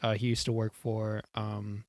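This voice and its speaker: Speaking in a completely flat, measured way, this young Houston man with a Texan accent co-hosts a podcast, leaning in to a desk mic for casual, rambling talk with laughter and loose swearing. His voice is on the low side and darkish, with no echo.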